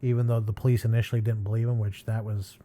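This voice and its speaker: A man's voice: on the low side, level tone, quick pace, dark tone. A man hosting his own channel and reading viewer comments in a casual, rambling way, with many fillers, sighs and chuckles.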